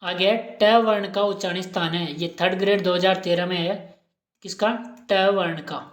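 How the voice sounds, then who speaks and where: A woman's voice: fairly low pitch, steady tone, moderate pace. A woman teacher giving an exam-prep lesson, asking questions and repeating each answer aloud. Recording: roomy echo.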